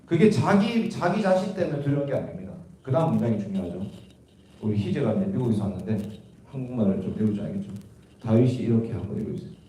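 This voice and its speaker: A man's voice: medium pitch, lively intonation, quick pace, dark tone. A man teaching a Bible class, asking students questions and explaining the verses. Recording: echoey room from far off.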